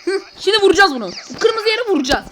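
A woman hosting a gameplay video with a high voice that leaps up and down constantly. She talks in slangy commentary and keeps bursting into loud exclamations. Faint game music plays underneath. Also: sing-song, fast. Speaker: gameplay channel host.

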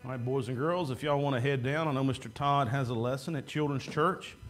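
A man's voice: medium pitch, a little fast, music in the background. A man preaching a sermon from the pulpit in a church sanctuary, talking in a conversational way and drawing words out for emphasis, picked up by a camera at the back of the room. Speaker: pastor. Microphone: far camera at back of room.

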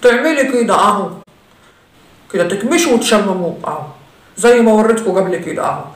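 A woman's voice: mid-range voice, expressive, a little fast, recorded from a distance, natural voice. A woman with an Egyptian accent playing a vain teenage girl who gives a mock makeup tutorial in a chatty, teasing way. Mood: chatty boastful. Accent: Egyptian Arabic. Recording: roomy echo, voice from off-mic.

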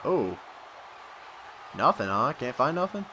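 Excitable man yelling over gameplay. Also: mid-range voice, unhurried, slight background noise. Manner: excitable, yelling and trash-talking at opponent; laughs often. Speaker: gaming video host. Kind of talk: let's play commentary.

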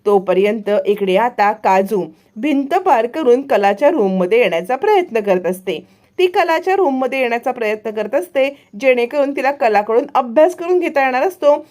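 A woman storyteller recapping a TV serial episode in a casual, brisk way. Her voice sits high in pitch. She keeps the retelling animated.

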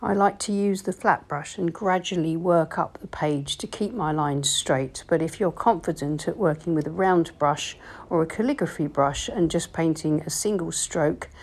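A woman, calmly explaining each step of a watercolour painting tutorial in voice-over. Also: low voice, moderate pace. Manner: calm, explanatory, gently instructive. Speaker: watercolour teacher.

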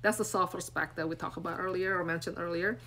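Her voice is on the low side, fast and sharp-toned with fairly even intonation, and there's slight background noise. She's an Indonesian brand coach in her forties, rambling unscripted to live-stream viewers from a phone at arm's length in a small room, earnest and encouraging and full of fillers.

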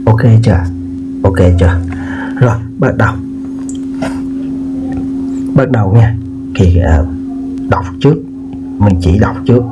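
A man teaching a children's math lesson, explaining slowly, repeating himself and often checking whether the viewers have followed. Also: lowish voice, animated. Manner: slow, repeats words and asks "được chưa?". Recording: dull lo-fi sound with guitar music behind.

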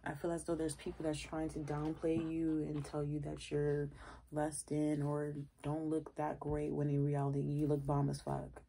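A woman's voice: deep voice, completely flat delivery, moderate pace, creaky, dark tone, a little hiss or hum. A woman giving a casual tarot reading to her viewers, blunt and full of cursing, her voice sounding off from its usual self, recorded on a phone. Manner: blunt, cursing, repeats "all right?". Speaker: tarot reader.

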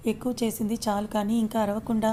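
A woman storyteller voicing a teasing, gruff young husband in an audio story. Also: medium pitch, level tone, fast, warm tone, slight background noise, natural voice. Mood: teasing scold. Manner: scolding, teasing.

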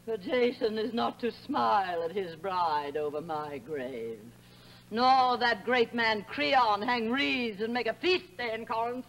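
A woman's voice: fairly high pitch, lively intonation, measured pace, fairly bright tone, a little hiss or hum, rough recording. An actress playing a proud, bitter, wronged sorceress queen in grand declamatory 1950s stage tragedy style. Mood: vengeful.

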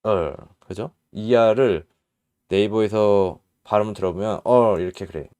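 A man teaching English spelling in Korean, slowly spelling out letters and repeating each sound patiently. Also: fairly low pitch, warm tone, no room sound, clean studio sound. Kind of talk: casual spelling lesson.

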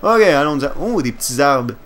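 A man with a Quebec French accent doing let's play commentary, excitable and jokey, swearing and yelping at the game. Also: on the high side, moderate pace.

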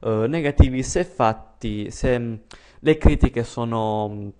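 A man's voice: medium pitch, slow, a little mellow, clear, resonant tone. A young man from Italy giving a casual, unscripted YouTuber update, rambling and hesitant with self-deprecating remarks.

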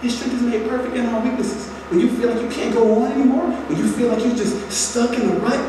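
A young man preaching a sermon from a pulpit, earnest and direct, repeating phrases for emphasis. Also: very high-pitched. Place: large church sanctuary. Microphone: pulpit mic, filmed from far back in the pews. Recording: echoey hall from far off, audible noise.

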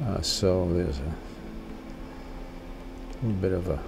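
An older man giving a casual watercolor tutorial as a gentle, encouraging, unhurried painting instructor. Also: low voice, vocal fry, background noise.

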